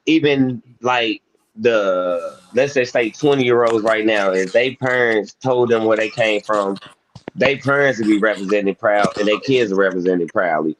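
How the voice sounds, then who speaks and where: A man's voice: lowish voice, measured pace, a little hiss or hum, poor audio. A man on a podcast panel makes his case in a heated debate. He talks emphatically, swears freely and circles back on his own words to drive each point home. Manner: emphatic, profane, repeats himself. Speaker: panel guest.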